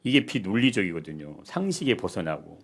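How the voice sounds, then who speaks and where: Man, pastor, sermon, lowish voice, rhetorical questions, soft then loud. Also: sing-song, a little fast, vocal fry.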